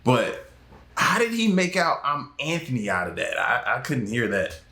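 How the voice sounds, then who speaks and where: Skeptical, bright-voiced reaction host. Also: male voice, mid-range voice, huge pitch swings, moderate pace, roomy sound. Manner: skeptical, joking. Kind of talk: casual reaction commentary.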